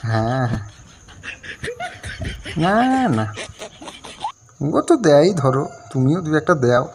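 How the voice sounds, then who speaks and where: A young man talking casually to his viewers, often asking for agreement, then speaking low and soft into a phone. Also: lively intonation, slow pace, background noise. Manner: chatty, keeps asking "ঠিক আছে?". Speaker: prank video creator. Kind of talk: casual vlog and staged phone call.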